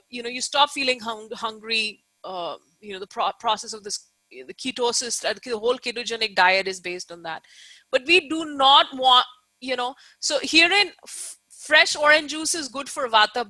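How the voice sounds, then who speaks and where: A woman's voice: on the high side, bright, forceful tone, no room sound, low-quality recording. A woman teacher giving an informal live online lecture, explaining emphatically, repeating key points and often checking that listeners follow.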